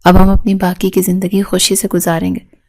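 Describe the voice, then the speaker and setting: A woman's voice: on the low side, level tone, darkish tone, lightly acted. A woman reading Kamal Bazar, a contented father. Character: middle-aged male haveli patriarch, content.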